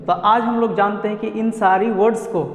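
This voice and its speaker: A man's voice: high voice, fairly even intonation, normal speed, roomy sound, big-room sound. A man with a Bihari Hindi accent teaching English pronunciation, spelling words out letter by letter. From India. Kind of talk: spoken lesson.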